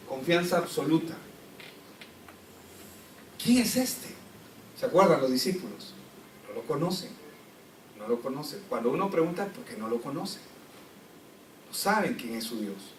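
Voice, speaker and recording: A man's voice: on the high side, slight background noise. A man teaching a Bible class who reads scripture aloud, explains it and asks his listeners questions. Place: church classroom. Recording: echoey room, distant mic, faint ambience.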